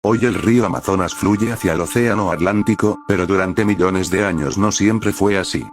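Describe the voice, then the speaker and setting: A man reading scripted nature documentary narration in a measured, explanatory storytelling manner. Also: deep voice, soft background music.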